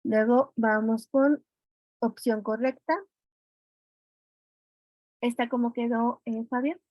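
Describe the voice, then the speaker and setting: A woman's voice: fairly high pitch, fairly even intonation, slow pace, a little mellow, no room sound. A woman teacher with a Mexican Spanish accent goes through exam answers step by step and calls on students with questions. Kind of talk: classroom exam review. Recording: dry, dull lo-fi sound.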